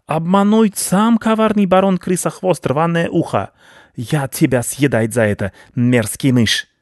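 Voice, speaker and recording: A man's voice: fairly high pitch, a little slow, no room sound, studio quality, voice pushed up, lightly acted. A man voicing a pompous, vicious male rat baron who talks in broken grammar, for a storybook reading. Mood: furious. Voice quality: broken grammar, haughty and blustering.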